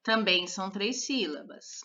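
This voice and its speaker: A woman teaching a third-grade lesson, repeating each word and counting its syllables with slow care. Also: medium pitch, sharp tone. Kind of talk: slow, careful classroom lesson. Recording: dull lo-fi recorded lesson.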